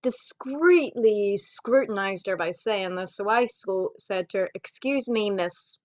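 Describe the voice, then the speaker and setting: A woman's voice: mid-range voice, measured pace. A young woman, ranting bluntly and swearing a lot in a casual vlog. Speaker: vlogger. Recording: dull lo-fi home video audio.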